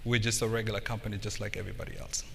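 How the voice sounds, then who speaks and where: A middle-aged man from Kenya, an internal audit executive at a tech company, talks as a conference panelist in a voice that sits on the low side, creaky and flat yet racing along. Captured in a live hall, the audio has echo and background noise.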